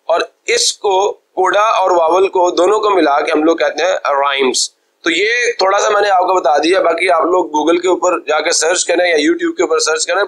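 A young man teaching a software tutorial, explaining step by step, slipping English terms into his speech and often checking that viewers follow. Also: on the high side. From Pakistan. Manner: mixes English terms into Hindi-Urdu speech; polite, deferential address to viewers. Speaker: computer teacher. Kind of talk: screen-recorded software tutorial.

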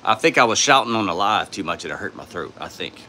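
A man with a sore throat hosting a casual live stream, answering chat in a tired, low-key way from his home studio on a phone. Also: expressive, quick pace, pushed and bright, slight background noise. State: sore throat, speaking softly.

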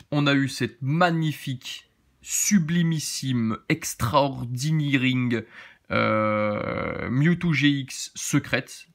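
A man with a southern French accent, a little tired, chatting casually as he opens trading cards in a vlog and rambling with frequent filler tags. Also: mid-range voice. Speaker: card-opening YouTuber. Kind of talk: casual card-opening vlog.

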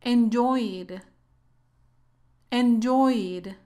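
Woman, English teacher, pronunciation drill, slow deliberate delivery, repeats each word. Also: on the high side, mellow. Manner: slow, careful drilling of words twice. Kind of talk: pronunciation lesson.

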